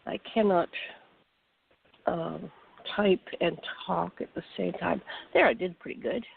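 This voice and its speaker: A woman's voice: on the low side, a little slow, gravelly, a little hiss or hum. A woman hosting a radio talk show, chatting in a rambling, easygoing way as she sets up her guest. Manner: chatty, rambling, self-narrating. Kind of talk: casual radio chat. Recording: tinny phone line.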